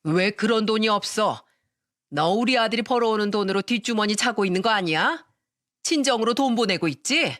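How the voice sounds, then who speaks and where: A woman playing a grasping, domineering mother-in-law in a storytelling radio drama, loud and drawn-out as she demands things. Her words stretch slowly and sound a little set back from the mic. The recording is dry. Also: mid-range voice, lively intonation, no echo, natural voice. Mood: shrill.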